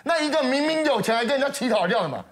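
Man, Taiwanese Mandarin accent, high lively voice, sarcastic rhetorical questions, studio talk show. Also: rapid-fire. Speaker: political commentator. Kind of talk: heated talk show commentary. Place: television studio.

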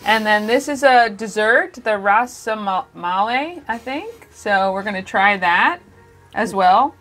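A woman's voice: medium pitch, expressive, takes it slowly, a bit bright. A woman co-hosting a radio show in a casual on-air chat, describing restaurant dishes as she tastes them. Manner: chatty, describes dishes with fillers. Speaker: radio co-host presenting restaurant food.

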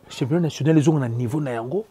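A man with a husky, dark, mid-range voice and a Congolese French accent rants about local football, giving his opinion with emphasis and repetition. The football commentator keeps switching rapidly between languages.

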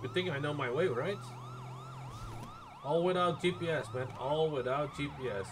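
A streamer role-playing as an emergency medic chats in character during a live game, casual, foul-mouthed and grumbling throughout. His voice is fairly high and his pace moderate. Sirens and game sounds make the audio noisy.

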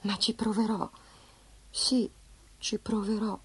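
A little dreamy girl from a storybook, full of wistful longing, as a woman narrator puts her on. Her voice rises higher than the narrator's own and sounds light. She talks in soft, yearning phrases. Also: animated, measured pace, background noise, natural voice.

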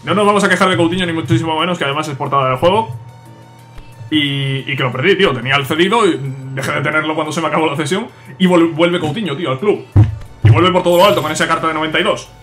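A young man, excitably commentating his own gameplay and talking to viewers. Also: fairly high pitch, quick pace, faint music behind. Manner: excitable, talks to viewers, frequent "tío". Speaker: gaming youtuber.

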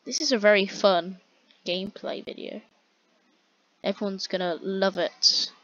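A young woman giving rambling, exasperated commentary on a slow-loading online game while chatting with a friend. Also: mid-range voice, a bit bright. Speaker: gamer. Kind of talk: casual gameplay commentary. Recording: dull lo-fi dry recording.

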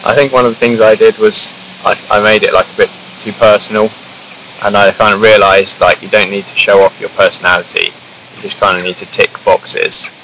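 A young New Zealand engineering student, guest in a casual interview, talks in a low voice at a brisk pace, rambling in a relaxed way with plenty of "like" and "kinda". He's outdoors in a grassy field, and the rough recording carries steady outdoor noise.

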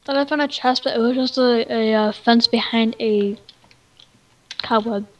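A woman's voice: on the high side, fairly even intonation, measured pace. A woman chatting casually while playing a game, playful and teasing, often giggling. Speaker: gamer co-host. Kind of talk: casual gameplay chat.

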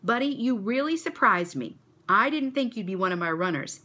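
A woman's voice: fairly high pitch, lively intonation, moderate pace, pushed and bright, pitched above the performer's own voice. A woman voicing a kind, encouraging male track coach in a storybook reading. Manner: upbeat, praising.

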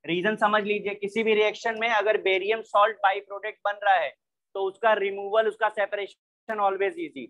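A man's voice: high-pitched, fairly even intonation, normal speed, fairly bright tone, muffled recording. A man teaching a chemistry class from India, explaining step by step and mixing English terms into his talk. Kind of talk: online class lecture.

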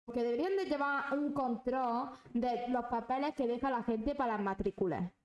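A woman's voice: fairly high pitch, normal speed, reverberant, a little hiss or hum, poor audio. A young woman ranting angrily and swearing while chatting on a live stream. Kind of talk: casual live-stream chat.

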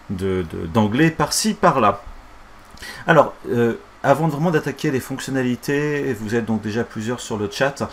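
Low-voiced lisping Frenchman with slushy s. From France. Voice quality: lisp, slushy s from a broken tooth. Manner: informal, hesitant, explanatory. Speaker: software instructor and streamer. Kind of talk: casual live tutorial. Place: small home office, indoors. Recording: clear fan noise behind voice. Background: whirring fan.

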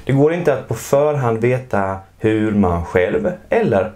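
A man giving calm, measured scripted narration for an educational explainer video. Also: medium pitch.

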